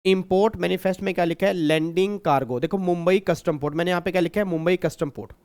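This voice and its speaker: High, clear-voiced male tax teacher. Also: fast talker, darkish tone. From Kurukshetra, India. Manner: teasing, repetitive, asks the class questions. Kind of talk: online class lecture.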